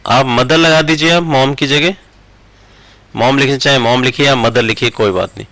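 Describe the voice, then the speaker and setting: Bright male teacher. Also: on the high side, no echo, low-quality recording. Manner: slow word-by-word dictation, repeating phrases. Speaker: English teacher. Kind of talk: explaining grammar while writing examples.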